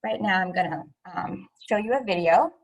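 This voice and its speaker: A woman presenting a public health program on a video call, measured and explanatory. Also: mid-range voice, breathy edge, dull audio. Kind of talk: webinar presentation. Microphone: laptop mic on video call.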